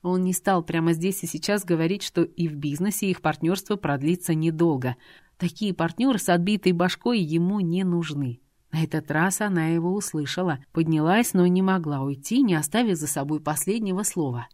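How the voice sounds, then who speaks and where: A woman reading a novel aloud in steady, scripted narration. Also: on the low side, fairly quick, no echo, clean studio sound. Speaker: audiobook reader.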